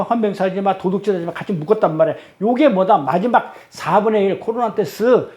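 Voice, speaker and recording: A man's voice: high-pitched, darkish tone. A man leading a Bible study class, quizzing his listeners with rhetorical questions in an emphatic, repetitive teaching cadence.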